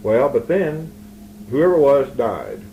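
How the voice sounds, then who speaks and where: A man's voice: mid-range voice, sing-song, slow pace, vocal fry, dark tone, dull audio. Rambling male interviewer on a noisy tape. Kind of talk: casual conversational interview. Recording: noisy 1981 amateur interview recording.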